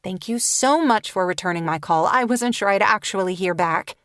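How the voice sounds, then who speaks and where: A woman's voice: mid-range voice, normal speed, fairly bright tone, no room sound, clean studio sound, close to an everyday voice. A woman narrator voicing an eager, flustered young woman book dealer in an audiobook. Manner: eager, breathless.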